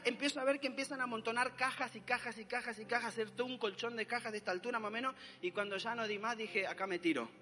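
A man's voice: very high voice, sharp tone, in a large hall. A young man, animatedly telling a dramatic personal testimony. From Argentina.

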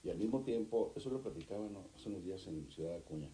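A man's voice: low voice, reverberant, poor audio. A man, a therapist and author talking animatedly as a guest in an interview. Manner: animated, acts out couples in quick voices. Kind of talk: conversational interview.

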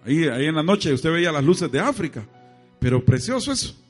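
A man's voice: on the high side, fairly quick, husky, faint music behind. A man preaching an evangelical sermon, telling stories and speaking directly to his congregation. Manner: addresses congregation directly, animated storytelling.

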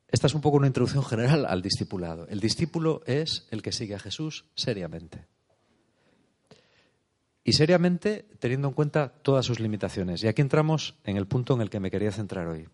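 A preacher gives a thoughtful, unhurried spiritual talk, often checking in with tag questions like "eh?" and "no?". His voice is on the low side and a little mellow.

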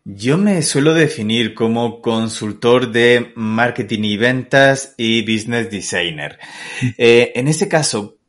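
A man from Spain, a guest consultant on a podcast, explaining his work in a relaxed, thoughtful way. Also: medium pitch. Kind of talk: podcast interview.

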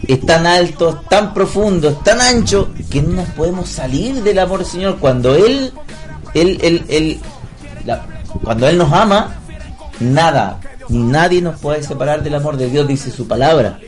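A man's voice: on the high side, expressive, unhurried, faint music behind. A man with a Chilean accent co-hosting a youth show, teasing a guest and talking earnestly about faith. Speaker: co-host. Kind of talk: casual chat turning to preaching.

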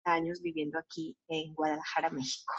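An older woman from Colombia, a doctor explaining her field slowly with many hesitations. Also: low voice, level tone, breathy edge, lo-fi sound. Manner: slow, deliberate, with many hesitations. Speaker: physician guest.

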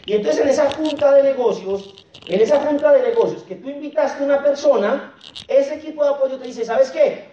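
Man, convention stage motivator, mellow voice, jokey, talks to the crowd; distant, echoey, muffled hall recording. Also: very high-pitched, brisk, slight background noise. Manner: jokey, keeps asking the crowd rhetorical questions. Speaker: network marketing leader speaking at a convention. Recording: echoey, dull hall sound from far off.

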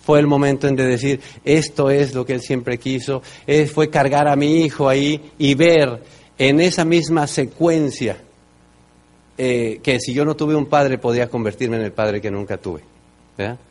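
A middle-aged man with a Mexican accent, giving a motivational talk and telling his story, with loud bursts and soft low asides. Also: steady tone, moderate pace. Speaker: speaker at a business event.

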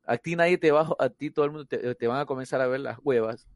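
Animated man telling a story. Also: mid-range voice, fast, no echo, clean studio sound. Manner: animated storytelling, often repeats "escucha", laughs between phrases. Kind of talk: casual group chat.

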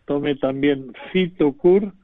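A male doctor heard over the phone, giving measured, formal advice on a radio show. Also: fairly high pitch, no echo. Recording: dry narrow phone line.

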